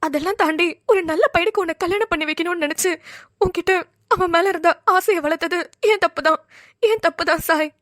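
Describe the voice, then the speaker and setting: A woman's voice: extremely high pitch, fairly even intonation, a little fast, fairly bright tone, no room sound, studio quality. A woman voicing a regretful mother in a cartoon, lamenting to her grown daughter. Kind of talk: cartoon voice acting.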